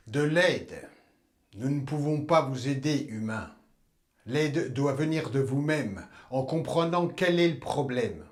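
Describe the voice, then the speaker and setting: A man playing an aloof alien emperor who lectures humans in a formal, measured, detached way in a science-fiction drama. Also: mid-range voice, animated. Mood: solemn, lecturing. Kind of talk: scripted science-fiction monologue. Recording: loud background noise and ambience.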